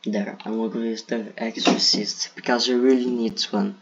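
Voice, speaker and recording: Heavy background noise sits under this man's fairly low, fairly even voice as he talks at a moderate pace. A gaming video creator from Brazil, Portuguese-speaking by birth and using English with a Brazilian accent, he casually ranks characters in a tier list, hesitating and filling pauses while thinking out loud. The audio comes from a dull lo-fi mic.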